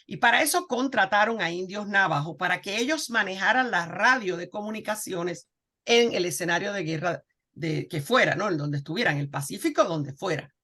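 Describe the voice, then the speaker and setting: A woman's voice: mid-range voice, lively intonation, moderate pace, bright, forceful tone. A woman giving an informal history lecture over slides, chatty, with many fillers and checking questions to her class. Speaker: history teacher.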